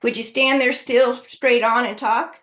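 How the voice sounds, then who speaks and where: A woman's voice: a little high, steady tone, a little slow, fairly bright tone. Woman lecturing a class, lo-fi. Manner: conversational, checks in with the class often. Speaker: instructor. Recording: dull lo-fi recording.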